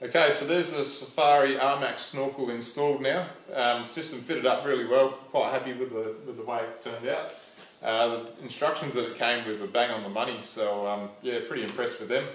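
A young man with an Australian accent talks through a job in a relaxed, plain-spoken way, filling pauses with ums and uhs. His voice sits at an ordinary middle pitch. The sound bounces around a big metal workshop shed, picked up by a camera a few metres off. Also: echoey room, a little hiss or hum. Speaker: vlogger. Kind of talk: casual how-to explainer.

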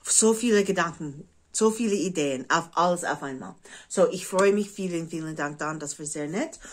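A woman in her forties from the United States, a native English speaker with an American English accent in her German, chatting casually to camera and often pausing to search for words. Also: fairly low pitch. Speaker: craft vlogger. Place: living room at home, indoors.

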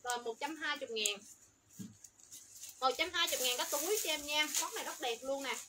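A woman selling children's clothes on a livestream, rattling off product codes and sizes in an upbeat sales pitch. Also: lively intonation, fairly quick, noisy background.

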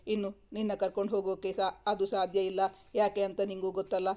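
A woman's voice: mid-range voice, a little mellow, close to an everyday voice. Woman voicing a tender young lover Virat.

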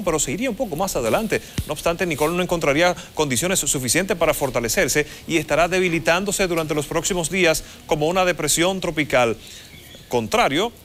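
A man's voice: fairly high pitch, a bit bright. A man explains the weather live in a formal, explanatory way as a TV forecaster. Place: TV studio. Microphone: lapel mic.

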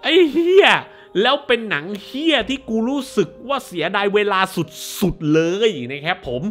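Animated, foul-mouthed ranting man. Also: sits high, normal speed, soft background music. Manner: crude, profane and sarcastic. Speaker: movie review show host. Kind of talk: casual ranting film review.

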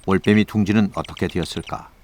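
A man narrating a scripted nature documentary in a measured, formal storytelling manner. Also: sits low, fairly even intonation, darkish tone, slight background noise. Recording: voice over background music. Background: music.

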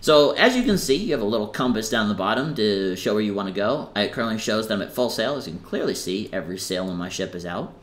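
A man's voice: lowish voice, expressive, fast talker, hardly any pauses. A young man giving casual, rambling commentary over a game he is playing, full of fillers and self-corrections. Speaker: gaming channel host.

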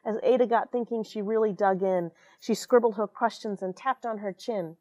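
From a tight airlock full of equipment aboard a space station, an American woman in her forties, who is an astronaut, reads a children's picture book. Her medium-pitched, darkish voice keeps a moderate pace with no echo, and her expressive reading includes dramatic emphasis and friendly asides to kids.

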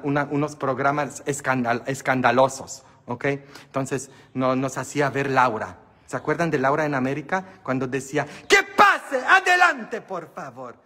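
A man's voice: medium pitch, a bit bright. A priest whose first language is not Spanish, giving a humorous sermon and quizzing his congregation. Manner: joking, questioning the congregation. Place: church, live-streamed Mass. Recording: long church reverb.

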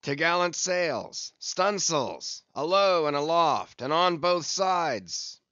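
A man voicing a fierce, obsessed old whaling captain in an audiobook, with commanding, long-drawn shouts. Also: medium pitch, takes it slowly, no room sound, lo-fi sound. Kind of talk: audiobook character acting.

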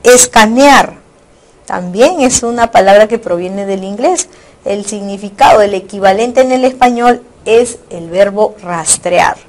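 A woman teacher with a mid-range, darkish voice delivers a recorded online lecture at a measured pace. Her explanations are careful, she repeats and rephrases her points, and she frequently checks in with students through tag questions.

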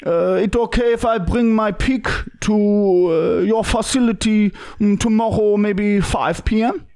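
A young man making a prank call voices a pushy foreign man with broken English, full of hesitant fillers and a pleading mood. His voice is high, smooth, a little mellow and a little slow. He's in a small indoor studio room using a podcast mic on a boom arm.

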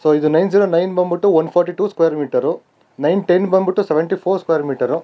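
Touring empty housing plots on foot, this male guide talks in a rapid-fire, fairly high voice, stating numbers flatly amid frequent "aa" fillers and self-corrections. It's walking site-tour narration for real estate, captured on a camera mic outside, so the sound is a bit dull with light background ambience.

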